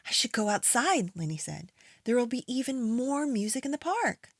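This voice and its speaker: A woman reading aloud to young children as a preschool storytime host, in an expressive storytime voice. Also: on the high side, slightly rough, no echo, studio quality. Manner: storytime voice, slow and expressive with acted animal and object sounds.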